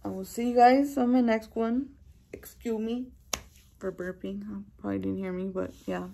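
A woman vlogger giving gentle, reassuring, heartfelt encouragement straight to her viewers. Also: mid-range voice, brisk, creaky, a little hiss or hum. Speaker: self-help vlogger. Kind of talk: encouraging talk to camera.

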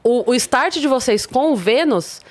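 Brazilian female podcast host, very high and lively voice, casual conversation. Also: measured pace. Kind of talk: casual chat. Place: small indoor podcast studio. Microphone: close podcast mic on arm.

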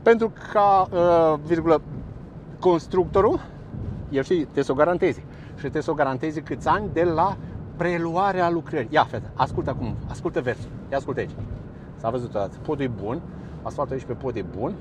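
A man giving chatty, sarcastic commentary straight to his viewers while standing beside a busy road. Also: on the high side. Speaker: local vlogger. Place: roadside by a busy road, outdoors. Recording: faint outdoor traffic noise. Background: passing traffic and trucks.

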